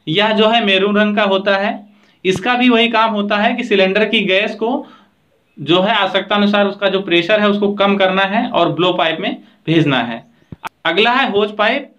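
A man's voice: sits high, sharp tone. A man teaching trade theory over slides, explaining steadily with frequent filler phrases. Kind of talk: slide lecture with annotations.

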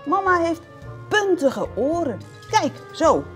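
A woman voicing a small lost baby owl that squeaks its lines plaintively. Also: big pitch swings, slow pace, faint music behind, full character voice.

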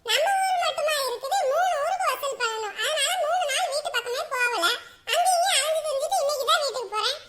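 A man's voice: very high-pitched, lively intonation, fast talker, bright, forceful tone, exaggerated voice. An actor playing a young jobless village man who complains sulkily about his mother. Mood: aggrieved. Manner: sulky, complaining. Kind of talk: Tamil web drama acting.

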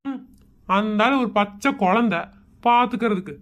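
A man with a fairly high voice. He mutters sarcastic, grumbling asides and mocks everyone around him in a comedy sketch. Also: moderate pace, fairly bright tone.

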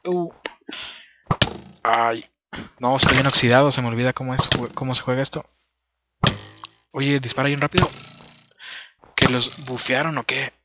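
A man hosting a gameplay video in casual commentary, reacting excitably with frequent yelps. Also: mid-range voice, normal speed, pauses often, heavy background noise. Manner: excitable, yelps and exclaims often.

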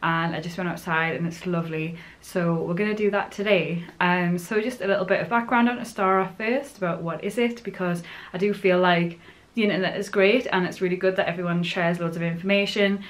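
Low-pitched young Northern English woman, chatty. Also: steady tone, fairly quick. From Northumbria, northern England. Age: 20s. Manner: informal, chatty. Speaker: vlogger. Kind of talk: casual chat to camera. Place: furnished living room indoors.

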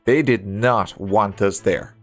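Man narrating a game adventure, low voice. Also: faint music behind. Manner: dramatic, measured retelling. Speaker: narrator of a gaming video. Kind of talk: scripted storytelling voice-over.

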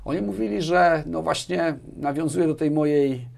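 In a small furnished studio with padded wall panels, a tech executive guesting on a podcast chats informally, repeating words and adding checking questions to his phrases. His voice is fairly high and a little mellow, with vocal fry, at a moderate pace. The audio comes from a lapel mic indoors.

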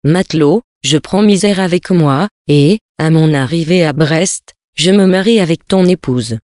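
A man reading a sea story aloud, with steady, even storytelling and lightly voiced dialogue. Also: on the high side, a little slow, no room sound, clean studio sound. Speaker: reader.

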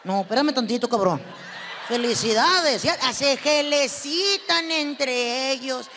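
Speaking slowly in a high register, a stand-up performer portrays a loud, sassy Mexican woman with a Mexican Spanish accent who swears constantly and keeps quizzing the crowd. The recording has live hall reverb and a little background noise.

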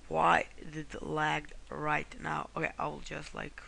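A man's voice: a little high, completely flat delivery, a little slow, vocal fry, bright, forceful tone. A man from Croatia, talking through a screen-recorded how-to walkthrough in a rambling way, often correcting himself and apologizing. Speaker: tutorial host.

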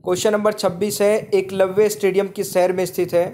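A man with a high voice talks over quiz slides as a teacher. He reads every question, repeats it to his viewers, and then states the answer plainly. His steady classroom patter keeps to a fixed routine. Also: fairly quick, slight background noise. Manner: repeats each question, addresses viewers as friends. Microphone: voice-over on screen slides.

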